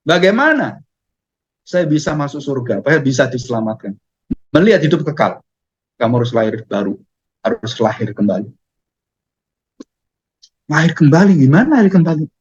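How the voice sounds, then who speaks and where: A man's voice: on the high side, highs cut off. A man preaching a sermon, firing off questions and answering them himself.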